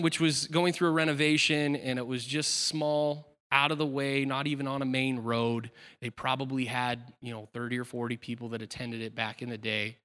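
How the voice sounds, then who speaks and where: A man's voice: mid-range voice, pushed and bright, in a large hall. A man in his thirties preaching a sermon in a casual, self-deprecating way, with plenty of fillers and restarts. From United States. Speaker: pastor.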